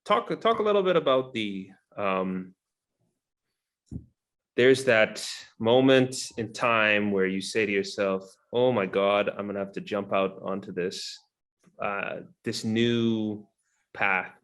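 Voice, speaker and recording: Chatty host with a lowish voice. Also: male voice, slow pace, fairly bright tone. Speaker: interview host. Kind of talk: casual interview chat.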